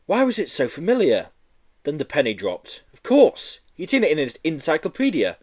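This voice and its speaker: Animated male storybook narrator. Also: on the high side, normal speed. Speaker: audiobook reader.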